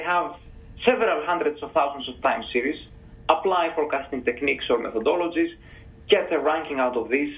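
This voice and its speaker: A man on a panel explaining his answers to audience questions in a measured, careful way. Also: on the high side. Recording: tinny phone-like sound.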